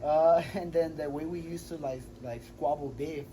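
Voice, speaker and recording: A man's voice: a little high, moderate pace, background noise. Slangy young man from Honduras. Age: 20s. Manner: relaxed, slangy, many fillers and restarts. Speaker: MMA fighter, guest. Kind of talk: casual interview chat.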